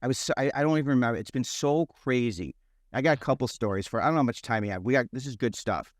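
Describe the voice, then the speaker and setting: A middle-aged man hosts a podcast and tells a long personal story, jumping ahead and circling back as he goes. His voice sits at an ordinary middle pitch. It is recorded close and dry, with no room sound. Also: fast talker, no room sound. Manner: rambling, animated storytelling with restarts. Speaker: podcast host. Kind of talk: casual conversation.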